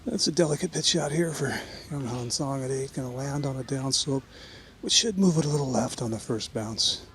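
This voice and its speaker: A man's voice: medium pitch, moderate pace. A man giving analytical golf commentary, explaining as a golf commentator. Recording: clear outdoor background noise.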